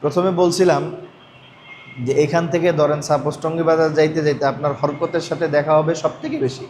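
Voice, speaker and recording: A man's voice: a little high, little pitch movement, fairly quick, a little mellow, slight background noise. A man teaching a Quran reading class, asking his students questions and repeating their answers. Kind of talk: classroom lesson.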